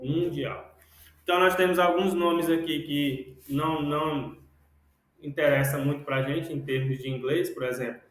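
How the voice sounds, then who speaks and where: A man teaching an English class, speaking slowly and repeating words one by one to model their pronunciation. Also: on the high side, steady tone, very echoey, low-quality recording.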